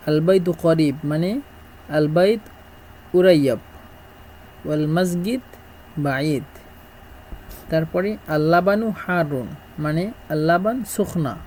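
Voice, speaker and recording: A middle-aged man from Bangladesh, teaching a language lesson and repeating words slowly as he drills them. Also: a little high, a little mellow, slight background noise, poor audio.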